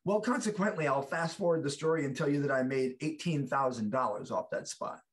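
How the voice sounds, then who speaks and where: A middle-aged American actor, a guest in a casual chat, speaks briskly in a fairly high voice about his career. He rambles and restarts, voicing the quotes in his stories.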